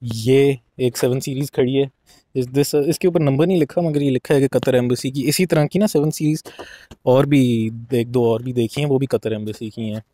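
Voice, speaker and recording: A young man gives a relaxed car-lot walk-through outdoors, vlogging and explaining to the camera with English phrases mixed into his speech. He talks at normal speed in a mellow, mid-range voice without echo.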